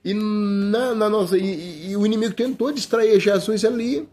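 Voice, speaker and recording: Preaching informally in a Brazilian Portuguese accent, a middle-aged Brazilian man keeps addressing his listeners as "brother" and often restarts his sentences. He talks conversationally at a moderate pace, his high-pitched voice a little mellow.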